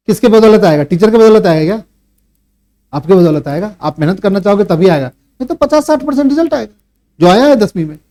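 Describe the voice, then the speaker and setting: A man's voice: high voice, warm tone. A male math teacher lecturing a class, quizzing students and lecturing them sternly on working hard at home. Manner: scolds and quizzes students, rhetorical questions. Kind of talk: classroom lecture with a pep talk.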